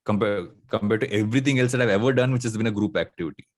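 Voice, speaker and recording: Male podcast guest, lowish voice, thoughtful and halting, conversational interview delivery. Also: a little mellow. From coastal Andhra Pradesh, India.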